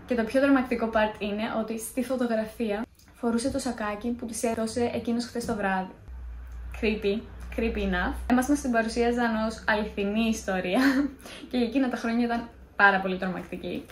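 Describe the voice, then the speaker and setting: A woman's voice: on the high side, fairly even intonation, echoey room, slight background noise. A young woman in a casual vlog, chatty and self-mocking as she tells scary stories. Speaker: vlogger.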